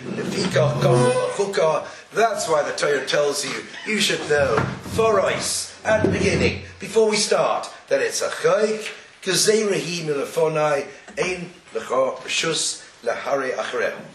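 A man with a croaky voice giving an explanatory Torah lecture, deliberate and sprinkled with Hebrew quotations. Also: a little high, animated. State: croaky, getting over an illness. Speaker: religious lecturer. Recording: roomy, distant, noisy recording with clicks.

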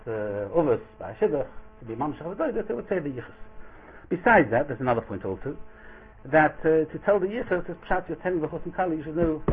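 A man with a Yiddish accent giving an informal Torah lecture as a rabbi, acting out dialogue and asking rhetorical questions in an animated storytelling way. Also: fairly high pitch. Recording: thin, phone-like radio-quality audio.

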